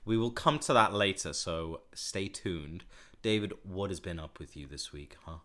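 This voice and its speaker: A man's voice: deep voice, expressive, brisk, bright, forceful tone. A man hosting a podcast in casual chat, teasing and rambling, sounding a little nasal. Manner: chatty, teasing, rambling with fillers. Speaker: podcast host.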